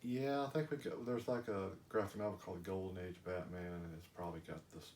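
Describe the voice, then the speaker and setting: Low-voiced middle-aged guy chatting about his comics, easy and unhurried. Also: steady tone, a little mellow, a little hiss or hum. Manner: slow, measured explanations with filler words. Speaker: comic collector showing his books. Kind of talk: casual chat.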